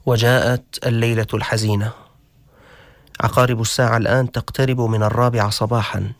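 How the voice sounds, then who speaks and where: A man hosting a story show, narrating a cautionary tale slowly and deliberately, with dramatic pauses. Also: mid-range voice, flat delivery, no room sound. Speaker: storyteller host.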